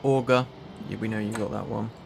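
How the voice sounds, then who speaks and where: A man's voice: fairly low pitch, steady tone, brisk, creaky, noisy background. A man with a London accent, casually reading through a list of game mods with a friend. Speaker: streamer. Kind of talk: casual gaming chat.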